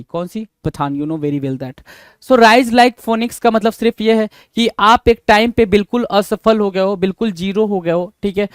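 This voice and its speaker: An Indian man teaching English idioms for exams, repeating each phrase slowly and quizzing the viewer. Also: high voice, clean tone, dry recording. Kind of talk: exam-prep vocabulary lesson.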